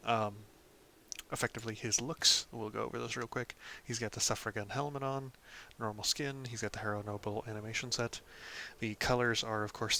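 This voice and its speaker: A man hosting a casual game guide, talking through a character build in a relaxed way, with frequent "um"s and "of course"s. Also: fairly low pitch, gravelly, a little hiss or hum. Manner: relaxed, lots of ums and "of course". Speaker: gaming channel host.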